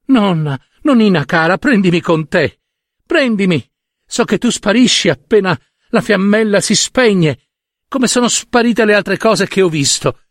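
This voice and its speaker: Man putting on a small poor girl's voice, freezing, begging, high and pleading, slow storybook reading, dry close sound. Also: lively intonation, no echo.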